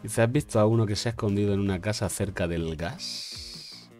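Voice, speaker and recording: A man's voice: on the low side, moderate pace, darkish tone, faint music behind. A man with a Spain Spanish accent giving casual, teasing gaming commentary to his teammates. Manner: playful, teasing, slangy banter. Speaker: gaming streamer.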